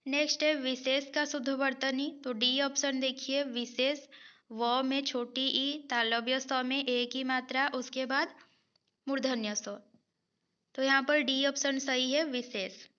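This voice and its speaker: Unhurried and high-voiced, this Hindi grammar teacher walks her students through spelling questions for an exam, with fairly even intonation and a sharp tone. She goes through every option, says the right word again, and confirms understanding before continuing. The recording is slightly dull and low-fidelity.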